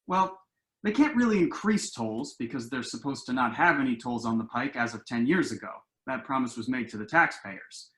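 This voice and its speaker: Reading a play at home in an echoey room, a man lightly acts the part of a glib grown son with shady schemes. His mid-range, slightly bright voice is animated at a normal pace, and the character comes across as earnest and confident.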